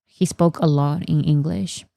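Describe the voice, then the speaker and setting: Low-voiced woman reacting casually. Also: steady tone, unhurried, gravelly, warm tone, dry recording. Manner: chatty, thinks aloud, reads chat comments and answers them. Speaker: reaction channel host.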